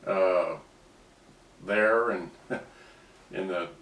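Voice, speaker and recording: A man with a low-pitched, somewhat bright voice and drawn-out words demonstrates cassette players he has restored himself. He rambles, often trailing off mid-sentence, and a distant microphone picks him up in a roomy space with background noise.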